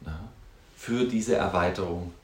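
Man counselor musing slowly, lower voice, tag questions everywhere, echoey room. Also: a little mellow. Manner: thoughtful, halting, many tag questions. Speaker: counselor and music therapist. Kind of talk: reflective conversational talk.

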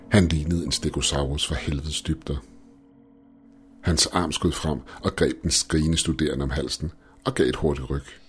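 A man narrating a first-person horror story in a steady, measured way, with faint music behind. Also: extremely low pitch.

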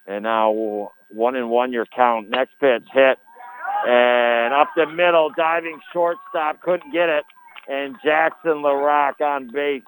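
A man calling a live high school baseball game on radio, with a folksy, colourful turn of phrase. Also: fairly even intonation, slow pace, a little hiss or hum, low-quality recording. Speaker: baseball play-by-play announcer. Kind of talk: live radio sports commentary. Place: broadcast booth at ball game.

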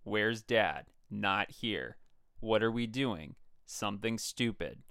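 A man's voice: fairly low pitch, expressive, slow, bright, forceful tone, smooth, dry recording, studio quality, heavily acted. A man voicing a smug, scheming teenage son who argues back in an improvised comedy sketch. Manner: smug, argumentative, talks back.

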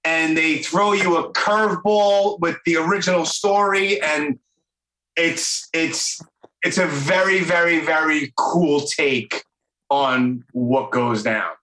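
High-voiced Brooklyn man hosting. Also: slow, pushed and bright, echoey room, rough recording. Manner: enthusiastic, chatty. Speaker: podcast host. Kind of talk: casual interview chat.

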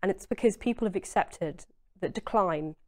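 A woman's voice: mid-range voice, moderate pace, darkish tone. A woman, speaking earnestly and emphatically as a guest in a conversational interview, often saying "you know". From Essex, England. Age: 20s.

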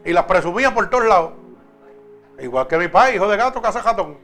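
A man, preaching a sermon as a pastor and giving his own testimony, fervent and shifting between loud emphasis and hushed confession. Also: high voice, lively intonation, brisk, faint music behind.

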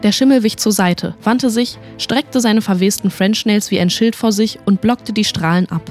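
A woman narrating a humorous fantasy audiobook story in a lively storytelling manner. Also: mid-range voice, moderate pace, faint music behind.

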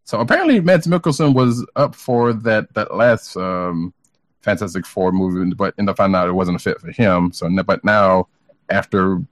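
A man whose voice sits low talks at a normal speed, captured at studio quality with no echo. Co-hosting a podcast, he chats informally and tentatively about comic book news and entertainment.

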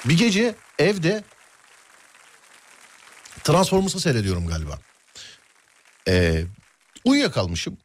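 A man hosting a casual radio show, chatting playfully and telling stories in an animated way. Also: a little high, some chatter behind, a little hiss or hum. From Turkey. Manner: animated storyteller, quick and playful. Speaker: radio host. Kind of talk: casual studio banter.

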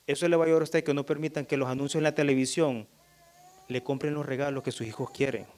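A middle-aged man giving an emphatic, sermon-style talk on parenting, addressing the audience directly and jumping into high voices when he imitates children. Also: fast. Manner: animated, jumps up high when voicing children. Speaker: church speaker on parenting.

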